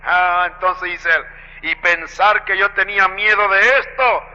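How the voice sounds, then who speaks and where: A man's voice: sits high, steady tone, measured pace, bright, forceful tone. A man preaching a sermon, retelling a vision with rising emphasis and asking the congregation if they follow. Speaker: pastor. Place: church sanctuary. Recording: dull lo-fi broadcast with long reverb.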